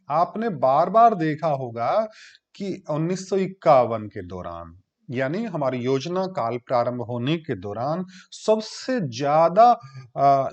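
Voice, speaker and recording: Man teaching, quizzing his class. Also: medium pitch. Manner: explains step by step, asks and answers his own questions. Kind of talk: classroom lecture. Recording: dull lo-fi recording.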